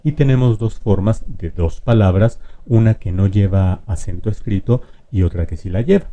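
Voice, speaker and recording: Patient male teacher, dark voice. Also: on the low side, dull audio. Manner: patient, addresses the viewer directly, stretches example words slowly. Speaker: language teacher. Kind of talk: explanatory lesson on spelling.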